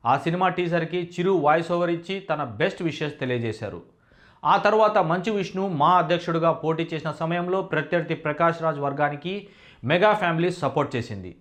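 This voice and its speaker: A man giving a scripted entertainment news voice-over in a steady, formal reading manner. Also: on the high side.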